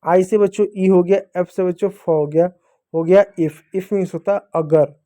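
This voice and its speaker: Guy with a high but mellow voice teaching little kids phonics, slow and patient, keeps asking then answering himself. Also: fairly even intonation. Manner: patient, repeats each rule as a question and answer. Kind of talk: phonics lesson for young children.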